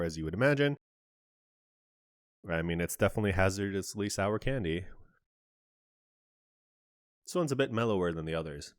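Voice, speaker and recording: The low-voiced male host of a candy review channel sits on camera for a relaxed tasting, breaking down every flavor thoroughly and tossing in little side comments. His recording sounds clean, studio-quality, and echo-free.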